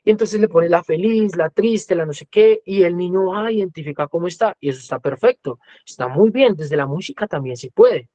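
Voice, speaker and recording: A man's voice: high-pitched, fairly quick, few pauses, dark tone, no room sound, lo-fi sound. A man with a Colombian accent giving an educational talk as a music teacher, lecturing conversationally. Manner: conversational lecturing, often acting out quoted voices. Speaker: music teacher, guest speaker.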